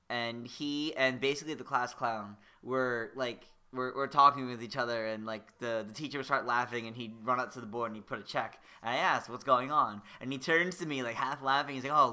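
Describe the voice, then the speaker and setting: Bright-voiced young man chatting on stream. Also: medium pitch. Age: young adult. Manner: rambling, chatty storyteller. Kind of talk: casual let's-play chat.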